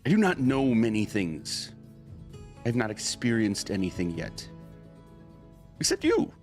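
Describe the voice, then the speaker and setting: A man's voice: on the low side, huge pitch swings, a little mellow, soft background music. Man voicing an eager, gushing magic sword. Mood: devoted, playful. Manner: gushing, theatrical, drawn-out oohs and ahs. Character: eager, fawning talking magic sword, newly awakened.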